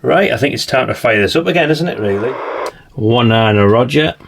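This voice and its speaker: A man with a slightly croaky voice, chatting casually through a radio review and tossing in tag questions. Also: medium pitch, animated, brisk, background noise. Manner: chatty, adds tag questions like "isn't it, really?". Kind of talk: casual product demonstration.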